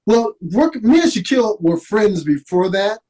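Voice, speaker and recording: A middle-aged man, an actor, telling stories in an animated, casual way as a podcast guest. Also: high voice, normal speed, rough recording. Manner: animated, lively storyteller with restarts. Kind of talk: casual interview storytelling.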